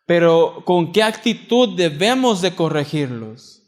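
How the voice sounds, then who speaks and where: A young adult man with a Mexican accent preaching a sermon in a church, earnest, moving from loud emphatic reading to soft quiet asides. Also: sits high, sing-song, measured pace. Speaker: pastor.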